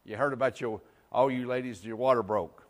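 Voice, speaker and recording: A male pastor delivering a sermon, repeating phrases and swinging between hushed and loud, sometimes joking with the congregation. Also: medium pitch, fairly even intonation, brisk. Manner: jokes with the congregation. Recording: long hall reverb.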